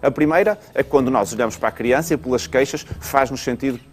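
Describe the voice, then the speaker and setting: Calm Portuguese pediatrician explaining. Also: male voice, medium pitch, fast talker. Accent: European Portuguese. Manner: calm, explanatory, with frequent fillers. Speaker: pediatrician guest. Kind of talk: explanatory talk-show chat.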